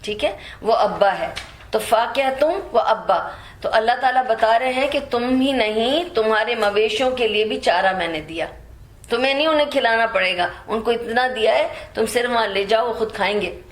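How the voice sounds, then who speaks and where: Woman teaching Quran commentary in an echoey room. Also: fairly high pitch. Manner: explains in Urdu mixed with English words; recites verses slowly, then explains.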